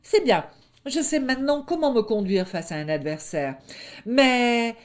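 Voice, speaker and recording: A woman doing a squeaky eager wolf cub. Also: a little slow. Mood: dismayed. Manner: high, excited questioning. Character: eager naive little male wolf cub.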